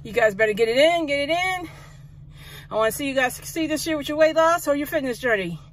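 A woman's voice: high-pitched, lively intonation, fast talker. A middle-aged woman out of breath, giving an upbeat, motivational walking vlog into a phone at arm's length. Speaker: fitness vlogger. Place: outdoors on a cold windy street, later in a car. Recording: noisy outdoor phone recording.

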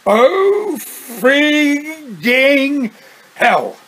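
A man's voice: extremely high pitch, lively intonation, moderate pace, fairly bright tone, a little hiss or hum, voice pushed up, heavily acted. A man with an Australian accent voicing an adult man wracked with pain, who curses in strained outbursts. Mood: anguished.

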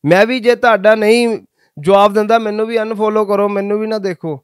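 A man's voice: high-pitched, steady tone, fairly quick, clear, resonant tone, dry recording, clean studio sound. A Punjabi-accented man, a singer, giving earnest advice in an interview, with sung passages between his answers.

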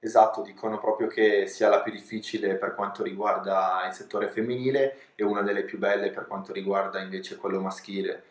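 Brief: young man, low and level delivery, measured answers in an echoey office. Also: flat delivery. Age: young adult. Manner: measured, informative, with short hesitations. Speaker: ski resort president and race director. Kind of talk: calm seated interview answers. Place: office with pennants and souvenirs on the wall, indoors. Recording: roomy office echo.

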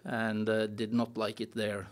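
A middle-aged man from Norway, a podcast guest speaking casually with dry humor and frequent hesitations, recorded on a desk boom mic in a studio. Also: completely flat delivery, measured pace. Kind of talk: casual interview chat. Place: studio set with blue walls and a wooden table. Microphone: desk podcast mic on boom arm.

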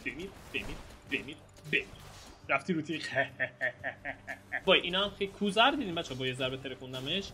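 A young man giving excitable, casual commentary while playing a video game, shouting and groaning at the action. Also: on the high side, a little hiss or hum. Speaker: gameplay streamer. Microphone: home mic with some noise.

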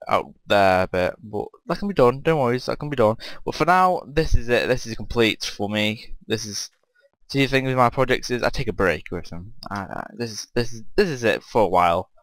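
A man's voice: lowish voice, a bit bright, no room sound. A man casually commenting as he plays and builds in a game, rambling and thinking aloud as he asks himself questions. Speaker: game player and channel host. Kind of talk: casual let's-play commentary.

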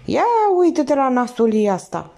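A brash, mocking street thief rattles off slang, his voice leaping up and down. A woman reads him aloud in an audiobook. The tone stays mellow and dark under the swagger. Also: fairly high pitch, sing-song, creaky, voice pushed up, exaggerated voice. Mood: scoffing.

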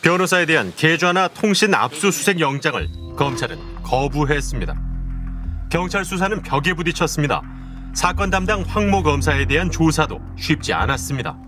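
A man narrating an investigative documentary in a measured, serious tone. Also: a little high, lively intonation. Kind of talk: scripted narration. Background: music.

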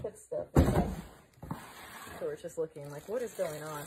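A woman vlogging live at home, chatting casually and thinking out loud as she unboxes a gadget. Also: fairly low pitch, noisy background. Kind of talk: casual live-stream chat.

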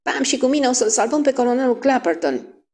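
Woman playing giggly eighteen-year-old girl, breathless and loud; audiobook. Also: low voice, sing-song. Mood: excited.

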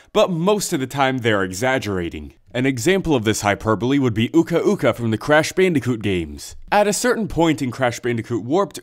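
Stuffy-nosed young man with a cold. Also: medium pitch. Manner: sarcastic, opinionated. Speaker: video essay host. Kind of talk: casual commentary.

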